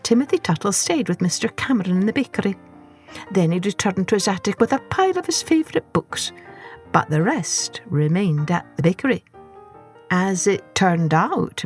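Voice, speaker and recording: A woman storyteller on a podcast narrates a children's tale in a low-ish voice. She is dramatic, savoring each word and pausing deliberately.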